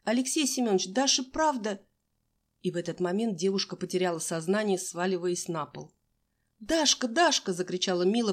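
A woman's voice: lowish voice, a little mellow. A woman reading a young-adult novel aloud as narrator, giving each character a voice of her own. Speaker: audiobook narrator. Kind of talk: audiobook reading with acted dialogue.

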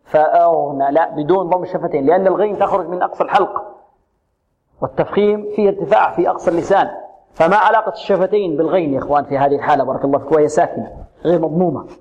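A man with a fairly high voice teaches Quran recitation on a radio lesson. He explains each rule plainly, then drills the same word again and again at a slow pace. The recording sounds muffled and lo-fi. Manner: explains rules, then drills words slowly and repeatedly. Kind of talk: tajweed lesson with slow demonstrations.

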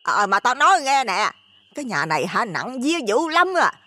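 A man voicing a nosy, superstitious old village woman with a Southern Vietnamese accent, loud and chattering. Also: extremely high pitch, very animated, normal speed, no room sound, voice pushed up, exaggerated voice. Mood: chatty.

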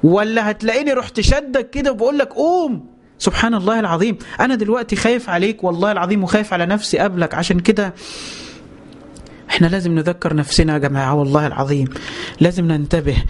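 Egyptian male preacher, high and rapid, urgent and pleading with his audience. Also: fairly even intonation. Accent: Egyptian Arabic. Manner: pleading, urgent, addresses listeners directly. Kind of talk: colloquial religious lesson.

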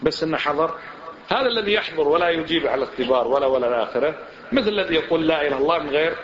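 Fast-talking religious teacher. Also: male voice, a little high. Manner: lively, quizzing listeners with rhetorical questions. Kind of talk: religious lesson lecture. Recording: echoey room, dull lo-fi sound.

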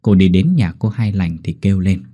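A man narrating a scripted story in an animated, expressive way. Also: sits low, normal speed, highs cut off.

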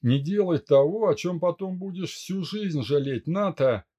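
A man doing a gruff, bossy older brother. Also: a little high, expressive, a little slow, mellow, voice pushed up. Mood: stern. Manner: growling, commanding. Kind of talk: audiobook character voice.

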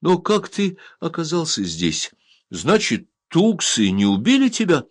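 A man's voice: a little high, huge pitch swings, measured pace, husky, dry recording, studio quality, pitched above the performer's own voice, full character voice. A man voicing a grateful young Indian man just freed, speaking fervently in a storybook reading. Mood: moved. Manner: fervent, exclaiming.

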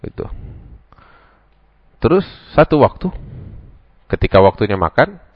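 A male preacher with a Jakarta Betawi accent tells funny stories in a relaxed lecture, leaping into high, loud voices whenever he acts out his characters. His voice sits at a middle pitch. The recording is dry and dull, with a lo-fi quality. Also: a little slow, no echo. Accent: Jakarta Betawi Indonesian. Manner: animated, acts out characters with sharp pitch jumps. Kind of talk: humorous storytelling lecture.

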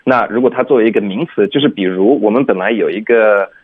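A low-voiced man with a husky edge explains pronunciation rules patiently, one step at a time, checking in often with "OK?". He comes through a thin, tinny phone line. He sounds like a teacher calling into a radio lesson. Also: quick pace.

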